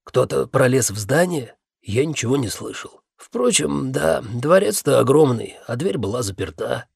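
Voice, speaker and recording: A man voicing an invisible, grumpy man, a hoarse disembodied voice speaking from empty air in an audiobook. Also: mid-range voice, sing-song, moderate pace, darkish tone, dry recording, studio quality, exaggerated voice. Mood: brisk. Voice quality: hoarse, gravelly. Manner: indignant then guarded, mutters. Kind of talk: audiobook character voice.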